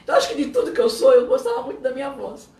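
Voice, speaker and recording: A middle-aged Brazilian woman with a slightly high, gravelly voice that stays rough after vocal cord damage. She tells her story in an animated way, laughing often and dotting it with tag questions. She sounds roomy and set back from the mic, over a faint hiss. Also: rapid-fire, distant mic. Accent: Brazilian Portuguese. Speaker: pastor, interview guest. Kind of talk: casual testimony in conversation.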